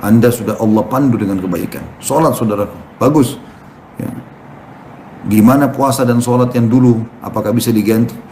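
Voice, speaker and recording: A male Islamic preacher giving a question-and-answer sermon, telling stories and acting out quotes in an animated way. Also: mid-range voice, normal speed. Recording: roomy with faint noise.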